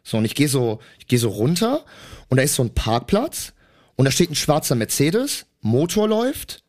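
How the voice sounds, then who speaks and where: A man's voice: mid-range voice, normal speed. A man in his twenties co-hosting a podcast who tells an anecdote with lots of fillers. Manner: rambling, many fillers, animated anecdote. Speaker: podcast co-host. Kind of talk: casual chat storytelling.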